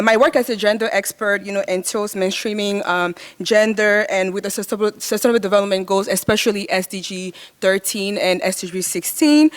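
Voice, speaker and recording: A young woman from Cameroon introducing herself on a youth panel, with a halting delivery full of fillers. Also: mid-range voice. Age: young adult.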